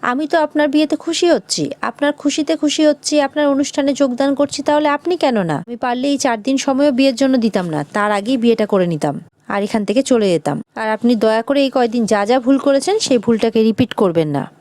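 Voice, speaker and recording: A woman's voice: fairly high pitch, darkish tone, dry recording, clean studio sound, natural voice. A woman voicing a defiant young housemaid who fires back indignant retorts. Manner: indignant, rapid-fire retorts.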